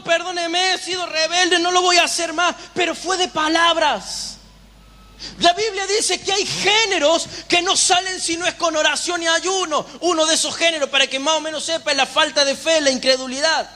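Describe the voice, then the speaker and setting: High-voiced preacher. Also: male voice, pushed and bright. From Uruguay. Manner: fervent testimony with rhetorical questions to the congregation. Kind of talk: sermon.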